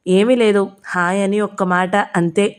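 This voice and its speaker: A woman's voice: medium pitch, steady tone, moderate pace, clean tone, close to an everyday voice. A woman reading the part of an earnest young wife in an audio novel, in her own voice.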